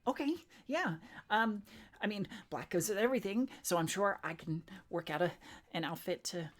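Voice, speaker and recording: Tabletop game student woman performer: nerdy boy, nervous, halting, eager to please. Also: medium pitch, natural voice. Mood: nervous, flustered. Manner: hesitant, stammering, deferential. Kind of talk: tabletop role-play acting.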